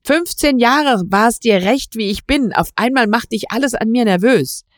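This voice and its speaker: A woman's voice: a little high, moderate pace, dry recording, clean studio sound, pitched above the performer's own voice, lightly acted. A woman reading aloud voices a grumpy, touchy middle-aged male musician who sulks and flares up when needled. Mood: indignant.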